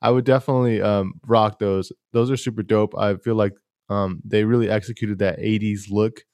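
A young man hosting a casual sneaker podcast, talking in a rambling, laid-back way with a fairly monotone voice. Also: on the low side, normal speed, no room sound. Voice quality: self-described monotone voice. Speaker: podcast host.

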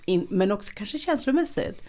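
A woman's voice: mid-range voice, big pitch swings, mellow. A woman co-hosting a casual podcast chat, telling stories in a chatty way and laughing easily. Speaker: podcast co-host. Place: office studio.

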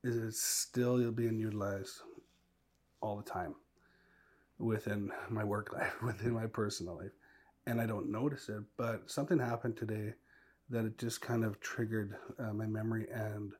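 A man's voice: lowish voice, steady tone, moderate pace, darkish tone. A man hosting a casual podcast chat, thinking aloud and laughing easily as he talks. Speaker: podcast host.

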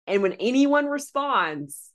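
A woman co-hosting a podcast, chatting casually and animatedly about a reality show, swearing often and acting out the cast's lines. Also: slow. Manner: animated, swearing, acts out quotes with rising pitch. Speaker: podcast co-host. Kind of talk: casual reality TV recap chat.

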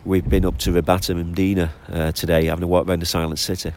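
A man's voice: sits low, little pitch movement, fast talker, darkish tone. A middle-aged man with a Lancashire accent chatting casually and enthusiastically, telling stories at length. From Lancashire, northern England. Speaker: interview guest, expatriate football fan living on an island. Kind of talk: casual chat. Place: outdoors by the sea. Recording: outdoor recording with clear traffic and ambient noise.

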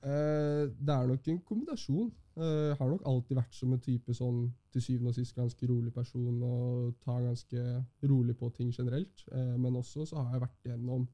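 A man in his twenties, a football goalkeeper, answering interview questions in a calm, measured way with many fillers. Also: medium pitch. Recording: dull lo-fi sound.

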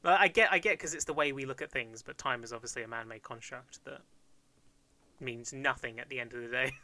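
A man in his twenties from Kent, England, co-hosts a podcast, joking around casually and laughing often. His medium-pitched voice is brisk, pushed and bright.

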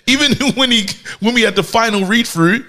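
A man with a London roadman accent telling animated stories in casual, slang-filled podcast chat, acting out quotes. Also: very high voice, moderate pace. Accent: London, urban roadman slang style.

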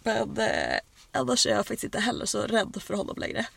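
A woman co-hosting a podcast from inside a car, telling candid stories in a lively way. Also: mid-range voice, gravelly, slightly rough, no room sound. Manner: candid, animated storyteller who acts out quotes. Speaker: podcast co-host. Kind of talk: casual chat.

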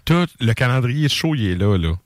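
Relaxed Québécois radio co-host. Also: male voice, mid-range voice, a little fast, no echo, clean studio sound. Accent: Québécois French. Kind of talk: casual radio chat.

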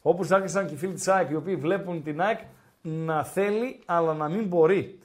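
High-voiced man hosting live match chat. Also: a little mellow. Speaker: podcast host and betting tipster.

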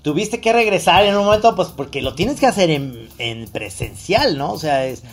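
A woman's voice: fairly low pitch, animated, normal speed, husky, soft background music. A woman talking casually, phrasing her thoughts in a hesitant, roundabout way. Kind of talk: casual conversation.

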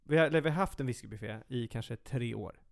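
A man with a gravelly, creaky voice rambles through a casual conversation as a co-host. He corrects himself often and teases his friend in a playful way. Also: medium pitch. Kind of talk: casual chat.

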